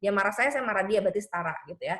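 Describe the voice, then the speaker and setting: A woman pastor giving a conversational seminar talk, telling lively stories and jumping up in pitch whenever she quotes someone. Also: very fast. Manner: lively storytelling that leaps high in pitch when quoting others; conversational, with frequent tag phrases. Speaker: pastor and speaker on children's faith.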